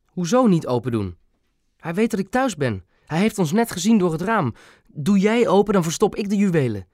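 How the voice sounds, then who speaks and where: A man reading a storybook aloud, voicing a bold, quick-witted grandmother with a brisk, wry and slightly theatrical way of talking. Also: high voice, big pitch swings, a little mellow, no room sound, clean studio sound, voice pushed up. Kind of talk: storybook audiobook acting.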